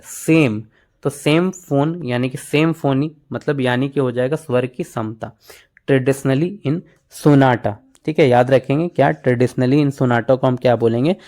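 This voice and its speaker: A man's voice: medium pitch, darkish tone. Hindi-speaking man teaching words. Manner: explains words in Hindi mixed with English, memory tricks, frequent "ठीक है". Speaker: English vocabulary teacher. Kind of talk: exam-prep vocabulary lesson.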